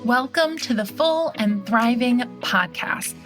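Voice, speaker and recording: A woman's voice: fairly high pitch, expressive, takes it slowly, a bit bright, soft background music. A woman hosting a podcast, upbeat and encouraging as she introduces a guest and asks questions. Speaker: podcast host. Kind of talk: podcast interview.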